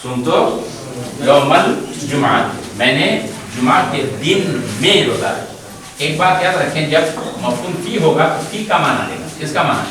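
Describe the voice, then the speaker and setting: A man's voice: on the high side, animated, unhurried, a crowd in the background. A man teaching Arabic grammar in a seminary class, repeating terms and quizzing his students. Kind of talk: classroom lecture. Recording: very echoey room, distant mic, students around.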